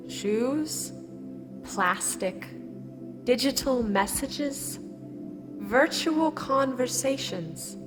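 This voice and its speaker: A solemn earth spirit played by a woman speaks slowly in a long reverb, with clear music behind. The voice is fairly high, earnest and measured, instructing the listener in a meditative audio drama. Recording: long echoing reverb, prominent music bed.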